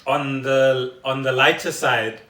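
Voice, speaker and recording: Flat and slow, a mid-range male voice rambles through explanations as co-host of a casual podcast chat; he's South African. A distant mic in an echoey room captures him over a noisy background.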